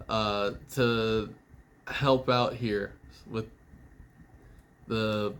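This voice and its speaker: A spiritual vlogger with a lowish voice records a casual, rambling video message to a friend. He sounds a little tired and out of it, halting and teasingly irreverent, and swears now and then.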